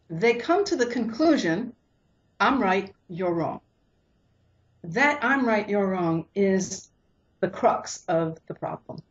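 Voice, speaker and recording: A woman counselor calmly explaining couples' conflicts in an interview, sometimes acting out what partners say. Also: medium pitch, dull audio. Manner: acts out quoted couples in lively voices. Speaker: relationship counselor.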